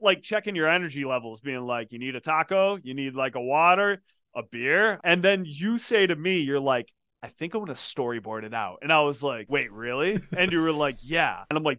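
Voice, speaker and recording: A man recalling how he directed a short film, telling it as a lively story and acting out the back-and-forth of quoted exchanges. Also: on the high side, smooth, no room sound, studio quality. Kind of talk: casual conversational recollection.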